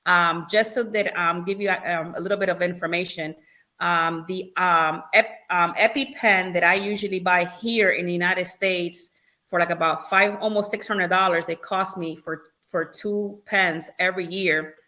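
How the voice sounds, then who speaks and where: A woman's voice: on the low side, fairly even intonation, normal speed, bright, forceful tone. A woman co-hosting a casual live stream, laughing often and reading viewer questions aloud. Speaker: co-host reading the live chat.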